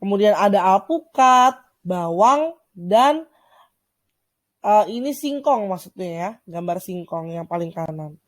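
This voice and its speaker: A young woman from Indonesia with an Indonesian accent gives a casual lesson over slides, saying English words slowly between relaxed talk full of fillers. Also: medium pitch, no echo. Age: young adult. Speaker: student volunteer teacher.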